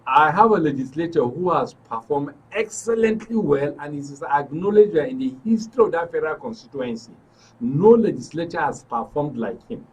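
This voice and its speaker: A guest with a Nigerian accent offers political commentary in a radio and TV studio, repeating phrases for emphasis. His voice is on the high side, animated, slightly rough, and moderately paced, picked up by a distant mic with faint background noise.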